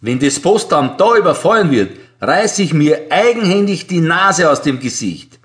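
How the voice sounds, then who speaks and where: A pompous postmaster who scolds loudly in a raised voice, played by a male audiobook reader. His voice leaps up and down with smug energy. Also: on the high side, very animated, moderate pace, pitched above the performer's own voice. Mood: scolding, mocking. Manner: loud, scolding.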